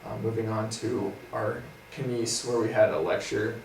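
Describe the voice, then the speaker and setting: A young man in his twenties, co-hosting and casually going over what he learned in class, relaxed and often trailing off softly. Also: fairly low pitch, measured pace. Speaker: co-host, physical therapy student. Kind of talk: casual study recap. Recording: roomy, far from the mic, faint noise.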